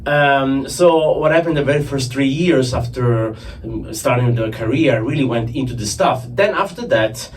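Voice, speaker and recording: A man's voice: mid-range voice, normal speed, hardly any pauses. Italian man rambling through his career story. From Italy. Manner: rambling, self-correcting, laughs easily. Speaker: sound engineer and producer guest. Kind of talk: casual conversational interview. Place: rehearsal studio. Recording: slightly distant mic with faint room noise.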